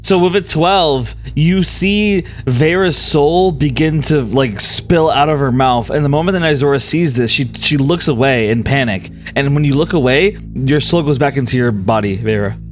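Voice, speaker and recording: Male game master improvising tabletop story narration, mid-pitched, with light background music. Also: moderate pace, few pauses. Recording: faint music behind the voice.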